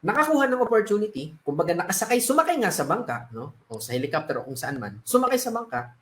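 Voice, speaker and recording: A man's voice: high voice, sing-song, fast, fairly bright tone. A man working as a sales coach, telling a parable in a conversational way with frequent tag questions. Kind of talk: storytelling lesson. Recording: roomy echo.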